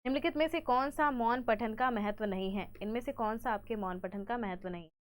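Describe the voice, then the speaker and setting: Woman, exam-prep teacher, fairly high voice, brisk question-and-answer delivery. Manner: brisk, reads out questions and options, then explains. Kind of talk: online exam-prep lesson.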